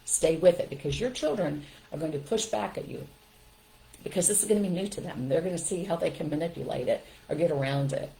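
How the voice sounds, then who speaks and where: An older woman giving parenting advice in a direct, lively way, often checking in with "okay?" and "right?". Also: low-pitched, brisk, gravelly, a little hiss or hum, rough recording. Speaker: parenting coach.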